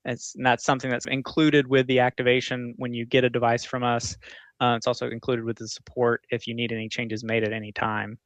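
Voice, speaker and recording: A man's voice: mid-range voice, level tone, a little fast, no room sound. A man explaining technical details conversationally and informally as an interview guest.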